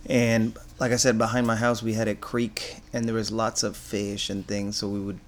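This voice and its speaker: A middle-aged man from Argentina, a business owner answering interview questions in a relaxed, rambling way with many fillers. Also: lowish voice, normal speed, slight background noise.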